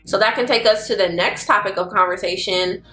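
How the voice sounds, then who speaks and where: Getting ready on camera, a twenty-something woman from Florida, United States, talks casually and playfully to her audience, using drawled slang and singing occasional lines. She speaks fairly quickly at medium pitch, pushed and bright, in an echoey room with faint music.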